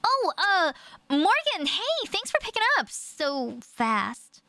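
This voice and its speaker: A woman's voice: very high-pitched, huge pitch swings, takes it slowly, pushed and bright, no room sound, pitched above the performer's own voice, full character voice. A woman voicing a flustered, grieving young assistant who stammers and hesitates. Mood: nervous, apologetic. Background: game music.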